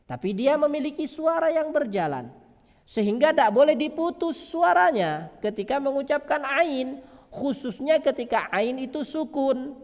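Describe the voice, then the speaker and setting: A man teaching Quran recitation, who asks questions and answers them himself and draws out sounds slowly to demonstrate them. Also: very high voice, very animated. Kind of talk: religious lesson on pronunciation. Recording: long hall reverb.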